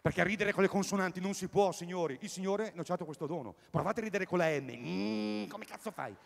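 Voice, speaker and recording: Rambling Italian stand-up man, gravelly. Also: high-pitched, quick pace, big-room sound. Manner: rambling, jokey, swings between loud bursts and mutters. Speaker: stand-up comedian. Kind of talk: stand-up comedy routine at a live concert. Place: outdoor tennis courts at a live event.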